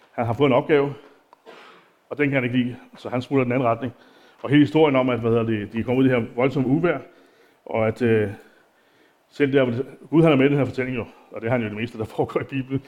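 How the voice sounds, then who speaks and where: A man's voice: mid-range voice, a little mellow. A man delivers an informal sermon in a church. He talks in a chatty, self-deprecating way, with plenty of fillers and restarts between his readings. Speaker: preacher.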